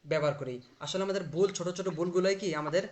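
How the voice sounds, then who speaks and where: A man's voice: sits high, fast talker. A man teaching a live online language class, explaining patiently, drilling pronunciation and quizzing his student.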